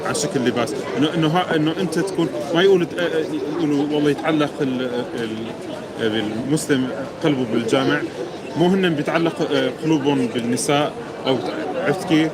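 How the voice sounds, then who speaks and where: A man's voice: fairly high pitch, quick pace. A man from Britain with a Levantine Arabic accent, speaking hesitantly in a casual debate. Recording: outdoor street with busy crowd noise.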